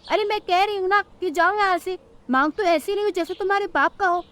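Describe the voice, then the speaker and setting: A woman's voice: very high voice, fairly quick, fairly bright tone. A woman voicing a scheming, greedy female crow in a cartoon, whining and haughty by turns. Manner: whining, then haughty and scornful.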